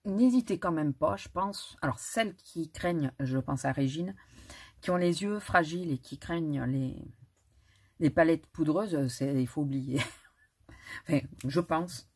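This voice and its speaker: A woman's voice: low voice, a little slow, a little mellow, husky. A middle-aged woman reviewing a makeup palette in a casual vlog, chatty and hesitant, with frequent restarts and small laughs. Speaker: beauty vlogger.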